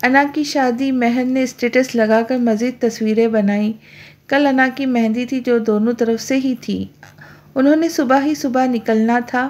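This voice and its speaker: Female narrator for a romance novel reading, slightly high pitch, soft mellow tone, one even voice for every character. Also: unhurried. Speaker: novel reader.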